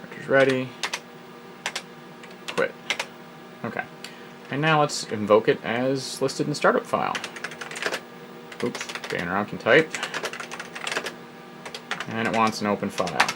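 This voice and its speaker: A man's voice: on the low side, sing-song, measured pace, creaky, long pauses, noisy background. A man hosting a retro computer video, thinking aloud as he works through an old program, with wry little asides. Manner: muses aloud while reading prompts, wry asides. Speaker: retro computer hobbyist host. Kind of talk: casual think-aloud software walkthrough.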